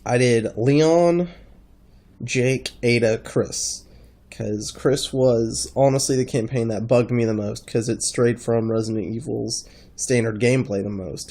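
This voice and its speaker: A man's voice: medium pitch, dark tone. Stuffy-nosed man rambling casually. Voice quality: stuffy nose, congested. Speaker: gaming video creator. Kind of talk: casual rambling vlog talk about gaming.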